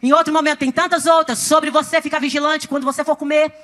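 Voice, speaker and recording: Fast, bright-voiced woman giving testimony. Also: sits high, fairly even intonation. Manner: emphatic, acts out the voices she quotes. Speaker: testimony speaker at a church service. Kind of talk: dramatic church testimony.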